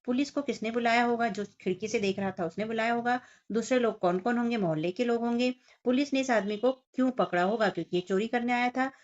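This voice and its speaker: With a slightly high voice, a woman teacher speaks quickly and barely pauses while walking small children through a Hindi workbook. Each picture and question gets a step-by-step explanation aimed right at them, over dull lo-fi sound.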